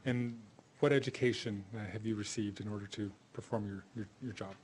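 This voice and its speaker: A man's voice: on the low side, steady tone, a little fast, a little mellow, slightly rough. A man working as an attorney, questioning a witness with frequent hesitations and fillers, heard in a courtroom recording. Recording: courtroom recording with faint background noise.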